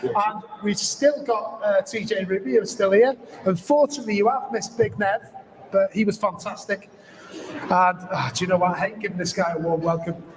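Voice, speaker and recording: A man's voice: sits high, normal speed, low-quality recording. A man casually presenting a live show as co-host. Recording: faint background noise, live event.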